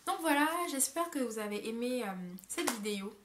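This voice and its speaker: A woman's voice: fairly high pitch, lively intonation, normal speed, noisy background. A young woman talking to her vlog audience as an au pair, rambling with many hesitations and self-corrections. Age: young adult. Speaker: au pair vlogger. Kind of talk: casual vlog monologue.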